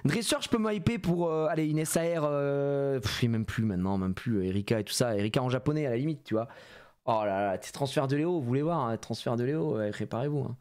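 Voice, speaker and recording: A man streaming live as he opens trading cards, excitable, swearing and bantering with his chat. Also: mid-range voice, fast, smooth. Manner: excitable, swears, shouts when disappointed; animated, playful banter with chat. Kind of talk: live card-opening stream.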